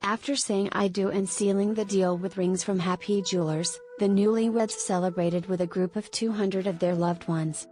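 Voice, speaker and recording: Over background music, a woman narrates scripted celebrity news in a measured reading. Her pitch is middling, her intonation fairly even, and her tone leans dark.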